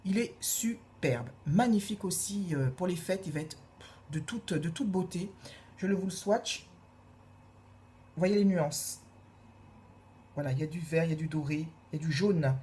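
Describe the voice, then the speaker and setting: A low, mellow-voiced woman chats through a makeup review, gushing and repeating her praise with plenty of hesitations. A faint hiss of background noise sits under her voice. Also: moderate pace, pauses often. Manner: gushing, repeats praise words, many fillers. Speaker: beauty vlogger.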